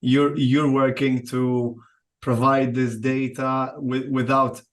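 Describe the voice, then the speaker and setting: Male interviewer. Medium pitch, fairly monotone, conversational, stumbles over repeated words while questioning. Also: takes it slowly. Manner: stammering repetitions while forming questions.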